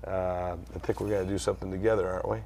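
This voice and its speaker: A man's voice: sits low, flat delivery, rapid-fire, vocal fry, dark tone, a little hiss or hum. An older man hosting a music show interview, rambling and folksy, with many uhs and restarts. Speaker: show host. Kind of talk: casual interview.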